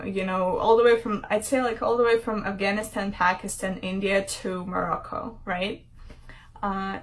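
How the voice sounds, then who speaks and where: A woman's voice: mid-range voice, a bit bright. A young woman from Ukraine talking casually to her channel in a rambling vlog, with frequent fillers and laughter. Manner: chatty, rambling, laughs often, many fillers. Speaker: vlogger.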